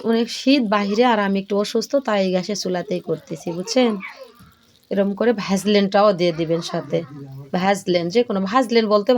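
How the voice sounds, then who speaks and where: A woman's voice: mid-range voice, a little mellow, a little hiss or hum. An older woman and home cooking vlogger chatting casually through a kitchen demonstration, often checking that her viewers are following along.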